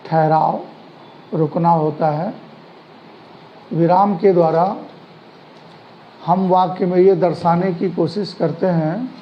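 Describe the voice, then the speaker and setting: A man teaching a grammar lesson to schoolchildren, explaining slowly and deliberately. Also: a little high, a little hiss or hum. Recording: dull lo-fi sound with faint ambience.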